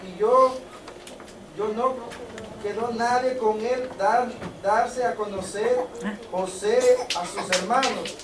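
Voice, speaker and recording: Slow halting male scripture reader. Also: sits high, fairly even intonation. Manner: slow, halting reading with stumbles. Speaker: scripture reader in a church service. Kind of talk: reading scripture aloud. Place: church. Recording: echoey church from far off, clear noise.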